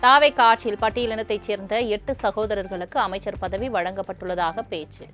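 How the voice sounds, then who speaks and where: A woman news anchor reading headlines in a measured, formal delivery. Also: mid-range voice, fairly even intonation, fairly bright tone, soft background music.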